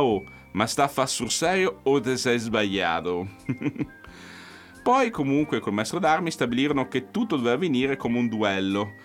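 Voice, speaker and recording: Low-voiced man telling film anecdotes. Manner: lively anecdotal, acts out quotes. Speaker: narrator. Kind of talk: storytelling narration.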